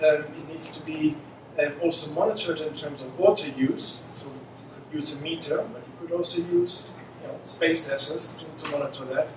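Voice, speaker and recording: Man on an echoey conference panel. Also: a little high. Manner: halting, many fillers and restarts. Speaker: panelist, mission scientist. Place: conference room, indoors. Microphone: handheld mic. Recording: echoey hall, mic from far off, noisy.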